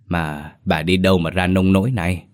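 A man's voice: low voice, flat delivery, moderate pace, close to an everyday voice. A coaxing, cheating husband voiced by a man. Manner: coaxing, placating. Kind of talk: storytelling.

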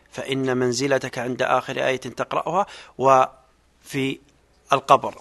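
A man delivers a religious lesson in formal Standard Arabic. His voice sits at a middle pitch. He explains scripture as a teacher does, in a didactic manner. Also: pushed and bright. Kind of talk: religious lesson on Quran exegesis.

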